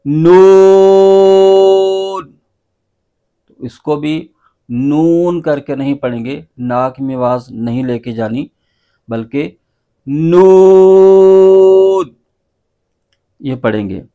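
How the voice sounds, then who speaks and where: A Quran teacher, reciting letter names in long drawn-out syllables, then explaining in quick low asides. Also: male voice, steady tone, mellow. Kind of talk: slow recitation lesson.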